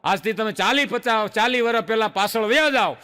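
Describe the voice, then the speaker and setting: A male stand-up comedian spins folksy jokes for a live audience. His voice sits high and sounds bright and forceful. A long hall reverb trails behind each line. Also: brisk. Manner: folksy storytelling, playful asides to the audience. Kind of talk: stand-up joke telling.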